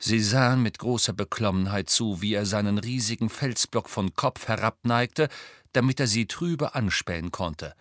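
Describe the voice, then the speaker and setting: A man reading an audiobook as narrator, telling the story in a lively, expressive way. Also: fairly low pitch, normal speed, dry recording, studio quality. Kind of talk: scripted narration.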